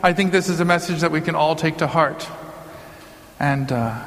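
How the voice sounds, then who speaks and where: A priest gives an informal homily live before a congregation in a large church or hall, speaking conversationally and making joking asides. His fairly high voice moves at normal speed and sounds a bit bright. The reverberant hall adds a long echo, with slight background noise.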